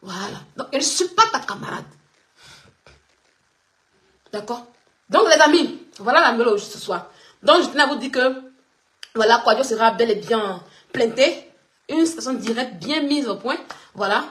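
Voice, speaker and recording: A woman's voice: fairly high pitch, animated, moderate pace, a bit bright. A woman chatting on a live stream, emphatic and teasing, often laughing. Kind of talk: casual live-stream chat.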